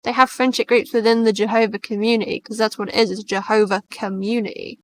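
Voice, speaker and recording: A woman's voice: on the high side, flat delivery, fast, slight background noise. A woman, co-hosting a stream in casual, blunt chat and reading posts aloud. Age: 20s. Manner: chatty, blunt, swears casually. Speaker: stream co-host.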